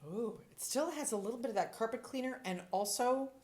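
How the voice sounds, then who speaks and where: A woman's voice: fairly high pitch, a little fast, darkish tone. A woman sommelier giving casual tasting commentary, thinking aloud with playful, descriptive asides. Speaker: sommelier reviewing wines.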